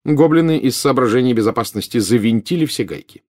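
A man voicing a relaxed, wry young wizard who talks with hesitant fillers. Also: mid-range voice, brisk, close to an everyday voice. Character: easygoing young adult wizard brother, wry.

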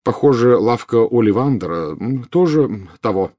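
A man's voice: medium pitch, expressive, moderate pace, darkish tone, natural voice. A man voicing a worried middle-aged wizard father who talks hesitantly. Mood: grave. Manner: hesitant, grave.

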